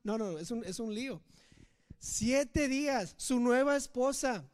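High-voiced preacher. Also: male voice, lively intonation, slow, darkish tone. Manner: conversational storytelling with rhetorical questions. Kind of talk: Bible teaching.

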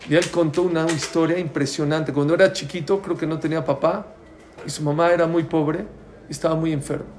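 A man's voice: fairly high pitch, steady tone, a little fast, darkish tone, a little hiss or hum. A man, a rabbi giving a storytelling sermon who keeps asking his listeners questions. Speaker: rabbi teaching a Torah class.

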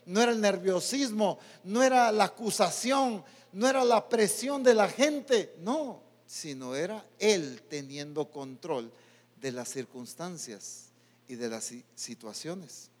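A man preaches a sermon in a church hall. He climbs to loud, urgent peaks, then drops to quiet, low lines, and at times he talks straight to his own soul. A long hall reverb hangs on every phrase. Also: lively intonation, slow pace. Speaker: pastor.

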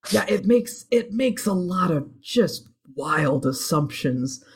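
A woman's voice: fairly low pitch, animated, slow pace, slightly rough. A woman in casual chat, recapping a video game's story with a co-host, swearing freely and acting out characters' lines. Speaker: podcast co-host recapping a game.

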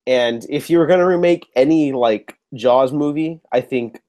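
A male movie podcast host talks casually at normal speed in a dark, mid-range voice. A lingering cold makes him slightly nasal, and he keeps things chatty with easygoing swearing.

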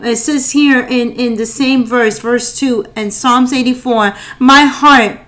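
Slow, earnest woman preaching. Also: on the high side, fairly even intonation, a bit bright. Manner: earnest, with restarts and emphatic repetition. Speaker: co-host of a prayer show. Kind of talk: Bible reading and preaching.

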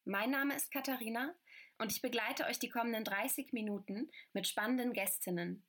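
A woman's voice: on the high side, brisk, fairly bright tone. Welcoming woman reading a podcast intro. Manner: friendly, welcoming. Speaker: podcast host.

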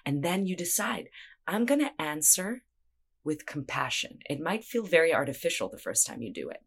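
A woman's voice: low voice, very animated, brisk, gravelly, breathy edge. A woman in casual conversation, explaining ideas in a reflective, spiritual way.

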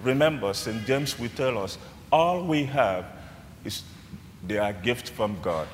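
A man preaching a sermon as a priest, in measured phrase-by-phrase delivery, his voice carrying a cathedral-like echo. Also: medium pitch, lively intonation, slight background noise. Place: large church. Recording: long church reverb, faint room ambience.

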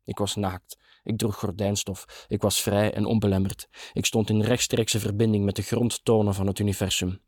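A man's voice: lowish voice, little pitch movement, moderate pace, darkish tone, no echo, clean studio sound. A middle-aged man narrating a first-person novel in a dramatic, sardonic tone.

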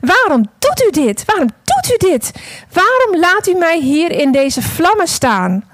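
A woman's voice: on the high side, lively intonation, a little slow, a little mellow, no room sound. A woman voicing a fragile, emotional clay vase that cries out in a storytelling sermon. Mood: pleading. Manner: pleading, cries out.

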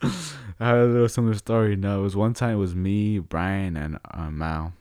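A man's voice: on the low side, moderate pace, a little mellow, dry recording, clean studio sound. A young adult man chatting casually and swapping stories in rambling slang, often repeating words as he goes.

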